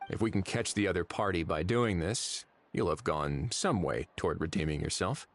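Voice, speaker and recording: A composed low-voiced investigator. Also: male voice, moderate pace. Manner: composed, authoritative. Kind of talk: video game voice acting.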